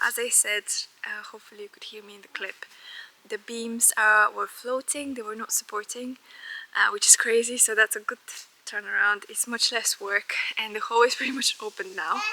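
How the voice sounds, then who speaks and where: A woman's voice: medium pitch, pushed and bright, poor audio. A woman vlogging a country house renovation, chatty and upbeat, laughing easily as she shows the work. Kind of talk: casual vlog narration.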